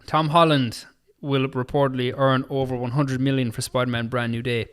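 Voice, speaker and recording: A man's voice: medium pitch, little pitch movement, a bit bright, smooth. A man co-hosting a podcast, running through entertainment news in casual, chatty talk full of "like". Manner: chatty, quick news roundup with frequent "like" and laughs. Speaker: podcast co-host. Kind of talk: casual chat.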